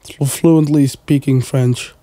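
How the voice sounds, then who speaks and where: With fairly even intonation and an unhurried, mellow delivery, the Portuguese-speaking producer from Portugal, in his twenties, rambles casually on a podcast with lots of fillers and the odd swear word. His voice is mid-range, and there's no echo.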